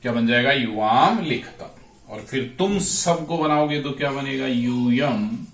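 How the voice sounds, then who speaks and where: A man teaches Sanskrit grammar in a slow classroom explanation, drawing out each word and repeating verb forms aloud. His voice is medium-pitched and fairly bright at a moderate pace, heard from a distance in an echoey room.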